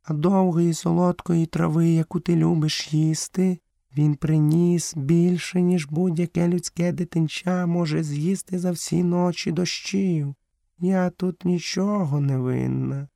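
A man doing a soft-spoken female panther. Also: a little high, fairly even intonation, unhurried, gravelly, no echo, clean studio sound, voice pushed up. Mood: modest. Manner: soft, coaxing, hushed. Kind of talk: audiobook character voice.

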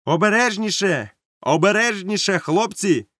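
A man's voice: on the high side, big pitch swings, fairly quick, no room sound, clean studio sound, voice pushed up. A man voicing a strict, stern male ship captain who gives curt orders in a raised voice. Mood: brisk. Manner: curt, commanding, barks orders.

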